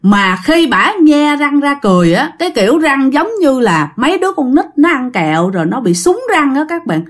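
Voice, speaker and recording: A woman's voice: high-pitched, big pitch swings, normal speed, hardly any pauses. A woman with a Southern Vietnamese accent telling a ghost story in a chatty way, often speaking directly to her listeners.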